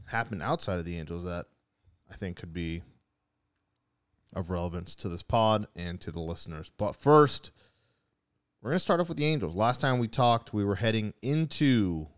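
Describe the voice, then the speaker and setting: A man's voice: lowish voice, clear, resonant tone, no room sound, studio quality. Young man hosting a rowdy baseball podcast. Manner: fast, joking, profane trash talk. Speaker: podcast host. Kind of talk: casual sports podcast banter.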